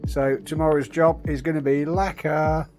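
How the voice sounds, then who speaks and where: Soft music plays behind a British man hosting a laid-back vlog or livestream. His fairly high, darkish voice holds a level tone at a moderate pace as he talks informally and playfully, frequently musing to himself.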